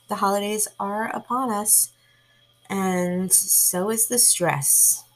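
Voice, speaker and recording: A woman hosting a casual chat podcast, talking chattily and with animation, sometimes dropping into hushed whispered asides. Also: mid-range voice, slight background noise, poor audio. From New York. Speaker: podcast host.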